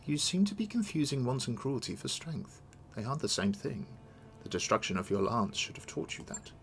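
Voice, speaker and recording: A man's voice: medium pitch, very animated, a little fast, creaky, slight background noise, voice pushed up. A man voicing a resolute, wronged noblewoman in a video game, formal and accusing. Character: stern, wronged noblewoman seeking her throne. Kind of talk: read-aloud of video game dialogue.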